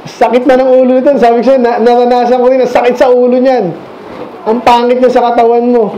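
A man's voice: very high-pitched, completely flat delivery, fast, mellow, a little hiss or hum. A man preaching an informal Sunday evening sermon as pastor, talking conversationally and quizzing the children in his congregation. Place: small church mission hall. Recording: echoey, dull lo-fi room recording.

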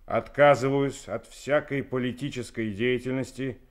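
An actor playing a brisk young male revolutionary commissar in a radio drama, giving peremptory orders. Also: medium pitch, fairly even intonation, natural voice. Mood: stern, commanding.

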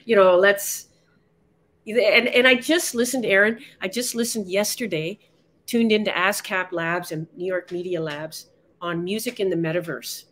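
A woman guest conductor talking with excited, emphatic enthusiasm in a casual interview. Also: medium pitch, moderate pace.

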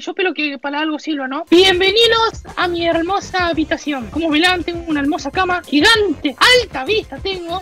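In a comic house-tour sketch, a woman uses an extremely high-pitched, sharp voice to play a talking tomato can, a boastful, lonely male character. She gives him an Argentine Spanish accent and a cheeky, self-pitying attitude.

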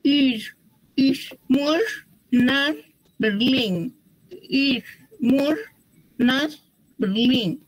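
A woman's voice: sits high, extremely slow, pauses often, no echo, poor audio. A woman taking a language class, hesitantly repeating words after her teacher. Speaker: student.

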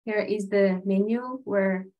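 Over a lo-fi video call, a woman from Tajikistan takes her time presenting to an online panel with slides. Her medium-pitched voice stays steady as she earnestly and conversationally shares her teaching exchange experience, using many fillers.

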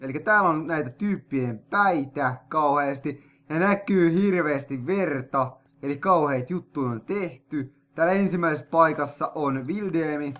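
A young man commentates a game as host. His slightly high voice is bright and forceful. He talks in an excitable, joking way and breaks into sudden loud outbursts. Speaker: gaming video host. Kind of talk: let's play commentary.

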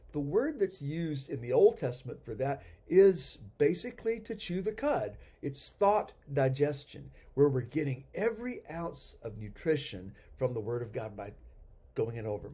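A man's voice: medium pitch, very animated, moderate pace, mellow, breathy edge. A man in his sixties, a pastor giving a teaching sermon with emphatic repetition.

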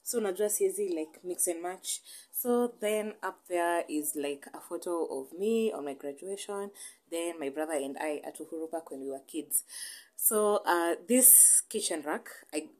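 A woman's voice: low-pitched, darkish tone. A young woman with a Kenyan accent giving a casual tour of her small home, chatty, slipping between English and Swahili slang while holding her phone camera. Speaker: vlogger. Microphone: phone camera held while walking.

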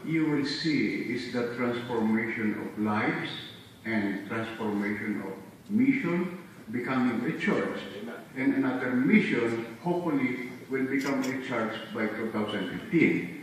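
A man's voice: medium pitch, animated, unhurried, a little hiss or hum. Man speaking far off in an echoey church. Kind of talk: church talk. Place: church sanctuary, indoors. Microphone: phone camera from the pews.

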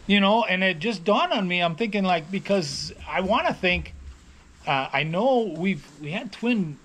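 A man's voice: high voice, animated, measured pace, a bit bright. A middle-aged man, a dairy farmer, telling stories in a casual, rambling way, with many restarts. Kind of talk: casual storytelling. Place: on a farm, near calves.

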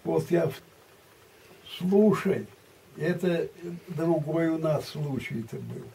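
An elderly man, a war veteran, telling a rambling grandpa story in a halting, repetitive, colloquial way. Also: fairly high pitch, gravelly, dark tone. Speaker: war veteran recounting memories. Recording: distant mic, muffled, background noise.

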